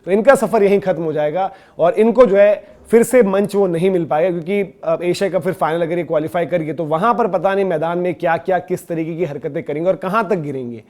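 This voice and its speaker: Scornful high-voiced man ranting. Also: a little fast, few pauses, darkish tone. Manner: scornful, indignant, repetitive emphasis. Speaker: cricket commentator. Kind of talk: opinionated cricket commentary.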